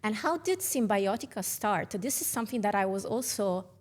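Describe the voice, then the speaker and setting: A woman's voice: medium pitch, animated, normal speed. Woman hosting a podcast interview. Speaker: podcast host. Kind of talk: conversational interview.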